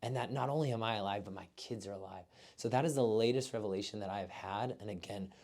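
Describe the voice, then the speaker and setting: A man, a physical therapist, giving an earnest, heartfelt motivational talk to his clients, urging them warmly. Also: fairly low pitch, fast talker. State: emotional at moments. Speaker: physical therapist and gym owner.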